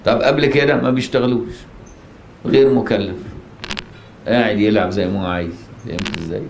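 Low-voiced Egyptian man teaching in a mosque. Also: a little fast. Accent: Egyptian Arabic. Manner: asks rhetorical questions, checks understanding. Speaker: religious teacher. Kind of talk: colloquial religious lesson. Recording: echoey mosque, faint noise.

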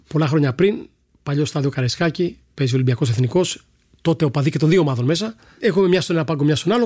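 Speaking with a somewhat high voice, a middle-aged sports broadcaster from Greece tells stories from his broadcasting career as a podcast guest. He relishes the telling and performs the voices of the people in his anecdotes whenever he quotes them.

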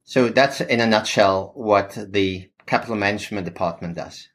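A man's voice: on the low side, moderate pace, a bit bright. A man in his fifties from South Africa with a South African accent, answering interview questions modestly, with occasional hesitations. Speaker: podcast guest.

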